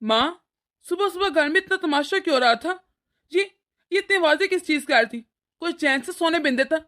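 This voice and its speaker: An irritable elder son from a cartoon family story, played by a woman. He argues and complains in a very high, bright voice. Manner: complaining, argumentative.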